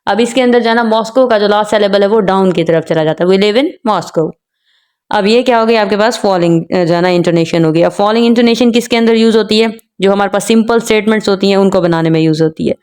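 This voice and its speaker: A woman teacher explaining a lecture and mixing in English terms, slowly modelling example sentences and often repeating a filler phrase. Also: mid-range voice, darkish tone, smooth. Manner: repeats the filler "jo hai na" constantly.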